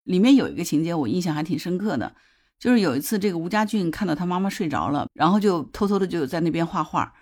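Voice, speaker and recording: Lively-voiced woman hosting a parenting podcast. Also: fairly low pitch, fast. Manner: conversational, often puts questions to listeners; tells a story from a TV drama in detail. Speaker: podcast host. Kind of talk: parenting advice podcast talk.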